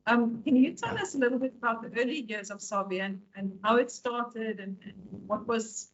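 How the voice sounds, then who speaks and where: Friendly woman interviewer, slightly high voice. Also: normal speed, slight background noise. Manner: warm, friendly, hesitant with fillers. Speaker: interviewer, host. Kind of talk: conversational interview. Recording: dull lo-fi sound.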